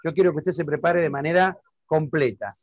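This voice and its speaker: Here the Argentine instructor talks a little fast, his slightly high voice carrying a darkish tone. He breaks public speaking down into steps for an online lesson and keeps checking comprehension, with dull audio and no echo.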